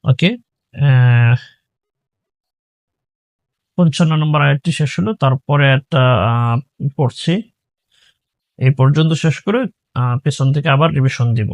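A man with a Bangladeshi accent teaching Quran reading, chanting the verses slowly and spelling out letters and pronunciation rules. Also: mid-range voice, a little mellow, dry recording. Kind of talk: slow recitation lesson with spelling drills.

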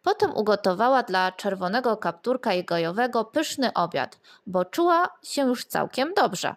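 A woman reading a fairy tale aloud to children, expressive and lilting, sometimes asking the listeners questions. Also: medium pitch, moderate pace. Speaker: storyteller.

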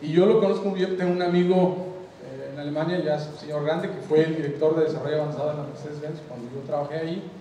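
In a large hall full of seated listeners, an older man with a Mexican Spanish accent lectures on design at a conference, chatting with the audience and often making sure they keep up. His pitch is fairly high, his tone steady and warm, and he speaks fast. Through a handheld mic the sound has far-off hall echo and slight background noise.

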